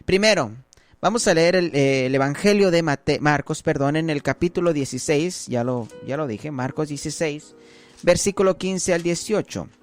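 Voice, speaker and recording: Guy preaching, kinda high voice, keeps asking "right?", faint music behind. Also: normal speed. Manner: conversational preaching with frequent rhetorical "¿sí?" checks. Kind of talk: sermon.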